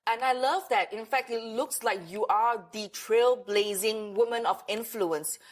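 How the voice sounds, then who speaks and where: A woman's voice: on the high side, a little slow. A woman hosting a podcast interview, speaking in an upbeat, promotional way. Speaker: podcast host. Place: hotel in Singapore.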